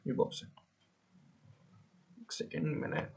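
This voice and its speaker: A man teaching a beginner coding lesson in a casual way, repeating points and asking and answering his own questions, often pausing to fix his drawing. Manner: frequent pauses to fix the drawing.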